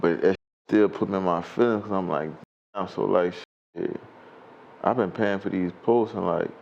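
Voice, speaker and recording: A man with a Louisiana accent, a rapper telling a story in a casual interview, animated and given to acting out quotes in a high voice. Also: moderate pace, gravelly, muffled recording, slight background noise. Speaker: rapper guest.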